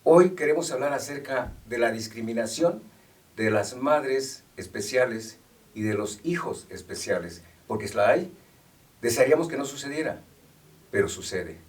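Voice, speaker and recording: Male host, mid pitch, formal and measured, distant mic. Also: lively intonation. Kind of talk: interview hosting.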